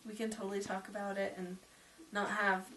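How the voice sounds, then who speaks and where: A middle-aged woman, a parenting teacher, talking calmly and gently with her daughter in a reassuring way. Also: mid-range voice, a little fast. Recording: recorded from a distance with faint noise.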